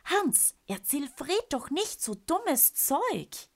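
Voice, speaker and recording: A woman's voice: sing-song, measured pace. A woman doing a scolding storybook aunt. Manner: stern, sharp high scolding. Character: scolding but fond aunt.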